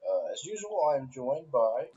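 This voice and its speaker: A man's voice: mid-range voice, lively intonation, moderate pace, warm tone, husky. A man co-hosting a podcast in casual chat, heard through a laptop's built-in mic, laid-back and joking. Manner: laid-back, joking, laughs along often. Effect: voice recorded through a laptop's built-in mic. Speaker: podcast co-host. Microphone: laptop's built-in microphone. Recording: dull, muffled laptop mic.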